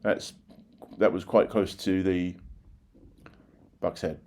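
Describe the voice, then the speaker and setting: Here an older man's deep, slightly mellow voice moves slowly and flatly through old newspaper clippings about local history. He keeps it informal, breaking in with plain-spoken asides.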